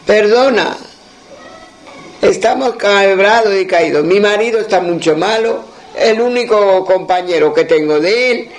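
A man's voice: high voice, unhurried, rough recording. A man voicing a humble, pleading old woman.

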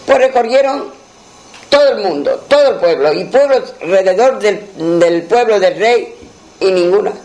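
A man's voice: sits high, lively intonation, moderate pace, a little mellow, rough recording. A man telling a folk tale aloud in a plain, repetitive storytelling manner, voicing the characters' lines himself.

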